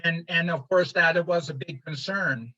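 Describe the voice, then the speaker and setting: An older man from Honduras giving an informal slide lecture, halting with many fillers and restarts. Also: on the high side, sharp tone. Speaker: presenter. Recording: muffled lo-fi livestream audio.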